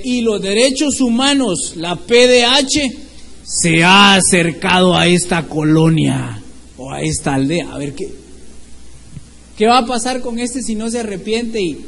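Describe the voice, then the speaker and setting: A man's voice: high-pitched, measured pace, fairly bright tone. A man preaching an informal sermon in a church hall. He keeps putting questions to the congregation and often restarts his sentences. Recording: echoey hall with faint background noise.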